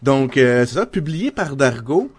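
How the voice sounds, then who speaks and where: A man with a Québécois French accent co-hosts a relaxed podcast chat. He lays out his points with plenty of hesitations and restarts. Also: medium pitch, a little slow. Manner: relaxed, presents facts with many hesitations. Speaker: podcast co-host. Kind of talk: casual chat.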